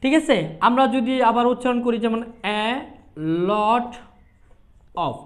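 A woman teacher giving a pronunciation lesson. She spells each word out letter by letter and says the example words over and over at a patient, measured pace. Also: fairly high pitch, fairly even intonation. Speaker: English teacher.

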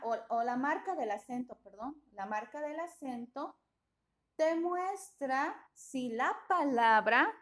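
A woman teaching an English grammar class, explaining patiently and often checking that students follow. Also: a little high.

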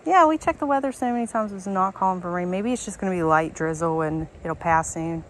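A woman's voice: lowish voice, brisk, a little hiss or hum. Chatty woman on a riverbank. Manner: chatty, excitable, talks to viewers. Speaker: vlogger filming her fishing trip. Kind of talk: casual outdoor vlog narration. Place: outdoors on a rocky riverbank. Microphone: action camera worn on the body. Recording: background music over outdoor audio.

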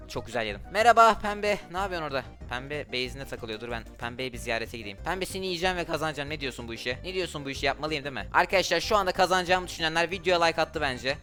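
A man giving excited gameplay commentary from home, trash-talking opponents and talking to his viewers. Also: mid-range voice. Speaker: gaming YouTuber.

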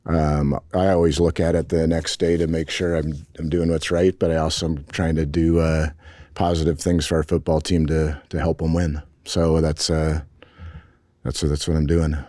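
A middle-aged man with a very low voice speaks into a cluster of table microphones at a post-game press conference. He answers frankly and measuredly, restarting sentences often. The sound is dry and close. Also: little pitch movement, normal speed, mellow, no echo. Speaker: head football coach. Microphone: table mics in front.

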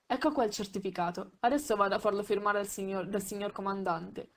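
Una donna che legge le battute di un medico militare calmo e gentile, che fa domande pacate, in un audiolibro. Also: female voice, medium pitch, brisk, close to an everyday voice. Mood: calm. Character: male military doctor, calm and kindly.

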